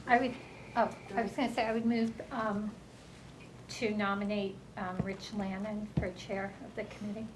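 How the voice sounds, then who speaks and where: A woman's voice: medium pitch, flat delivery, normal speed, a little hiss or hum, low-quality recording. A woman committee member making a motion at a municipal meeting in a casual manner. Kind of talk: meeting discussion.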